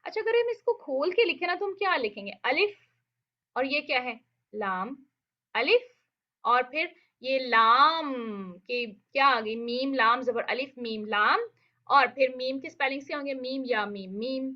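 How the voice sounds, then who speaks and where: A woman teaching Quran recitation in an online lesson, explaining patiently step by step, checking in often, and reciting Arabic words slowly to demonstrate sounds. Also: sits high, muffled recording.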